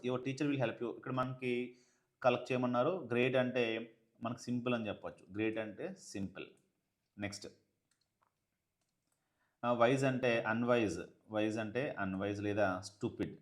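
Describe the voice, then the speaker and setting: A man with a Telugu accent teaching an English textbook lesson, explaining in Telugu and reading the English text slowly and emphatically. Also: lowish voice. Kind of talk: exam-prep textbook lesson.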